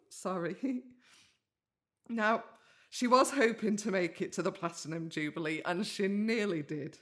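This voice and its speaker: An actress voices a caring, sentimental middle-aged English daughter in a naturalistic audio drama, speaking tenderly and conversationally. Her female voice is medium in pitch with a fairly bright tone.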